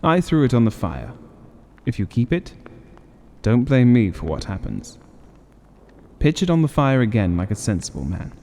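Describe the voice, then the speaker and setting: Man voicing a grave, gruff old soldier, deep reverb. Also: sing-song, a little mellow. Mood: solemn warning. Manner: slow, solemn, dogged. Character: grave, gruff old soldier, a sergeant major back from India. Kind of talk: audiobook character voice. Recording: long reverberant hall-like echo.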